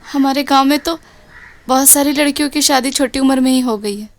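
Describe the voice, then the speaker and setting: A woman's voice: high-pitched, brisk, no echo, studio quality. An actress playing an earnest young village woman who speaks in rustic dialect. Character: determined village girl grown into art teacher.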